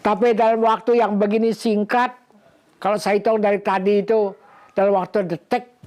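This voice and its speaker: A man's voice: high-pitched, normal speed. Older man telling his story. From Bali, Indonesia. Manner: animated, acts out counts and voices of others. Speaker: interviewee. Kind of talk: personal storytelling.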